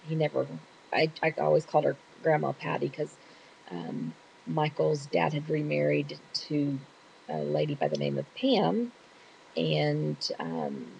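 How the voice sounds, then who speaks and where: Middle-aged Texas woman with a creaky voice. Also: low-pitched, a little mellow, rough recording. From Texas, USA. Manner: chatty, rambling. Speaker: blogger answering an accent questionnaire. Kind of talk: casual chat, answering read-out questions. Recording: hissy home recording.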